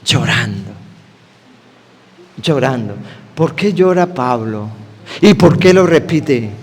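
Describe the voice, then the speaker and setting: A man preaching an animated sermon, firing quick questions at his listeners. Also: medium pitch, slightly rough. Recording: long hall reverb.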